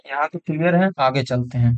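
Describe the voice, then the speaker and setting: A man's voice: medium pitch, a little fast, dull audio. A man teaching an exam-prep science class online, repeating terms and often checking that students follow.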